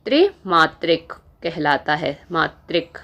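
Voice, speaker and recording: A woman teaching Hindi grammar in a lesson video, explaining slowly, repeating key terms and asking rhetorical questions. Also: low voice, very animated, fairly bright tone, muffled recording. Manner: slow, repetitive explaining with frequent rhetorical questions.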